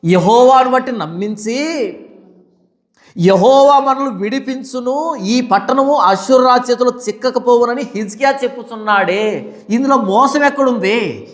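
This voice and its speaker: Male pastor, high-pitched, fiery scolding sermon delivery, echoey room. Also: moderate pace. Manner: fiery, rhetorical questions, scolding. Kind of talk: Bible study sermon.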